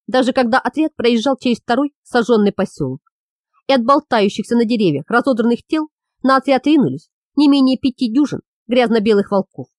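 Expressive woman narrating a fantasy novel. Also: fairly high pitch, no room sound, clean studio sound. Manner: expressive, measured storytelling. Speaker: audiobook narrator.

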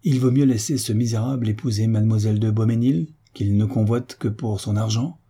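A man's voice: fairly low pitch, fairly quick, warm tone, breathy edge. A man voicing a young duke, earnest and somewhat hesitant.

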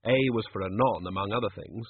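A man narrating a story in a wry, measured manner. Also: on the low side, breathy edge, no echo. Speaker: audiobook narrator. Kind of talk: scripted narration. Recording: tinny phone-like sound.

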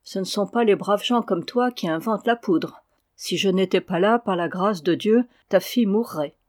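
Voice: medium pitch, moderate pace, darkish tone, close to an everyday voice. A reader voicing a bossy, scolding dwarf. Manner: scolding, commanding. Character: cunning bossy male dwarf. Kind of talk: audiobook character voice.

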